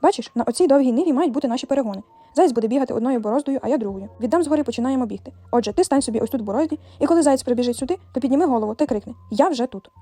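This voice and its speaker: A woman voicing a cunning, unhurried male hedgehog in a storybook reading, fast and warm. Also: high-pitched. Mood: scheming. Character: sly calm male hedgehog, crooked-legged and clever.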